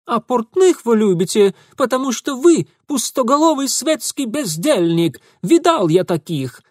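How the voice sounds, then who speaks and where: A loud, self-righteous young man, as a male narrator puts him on, his voice pitched high and ringing with contempt as he scolds. The delivery is dry and close, swinging widely up and down in a storybook reading. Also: sing-song, a little slow, dry recording, exaggerated voice. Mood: contemptuous. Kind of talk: audiobook character voicing.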